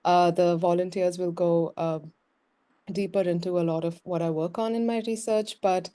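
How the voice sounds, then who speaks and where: A woman's voice: fairly low pitch, fairly even intonation, moderate pace, warm tone, smooth. A young woman PhD student introducing herself on a video call, with many hesitant fillers. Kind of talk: self-introduction.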